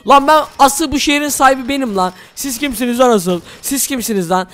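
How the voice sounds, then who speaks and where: A man hosting a Minecraft role-play, talking excitedly to his viewers as "friends". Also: very high-pitched, brisk. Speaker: gaming channel host.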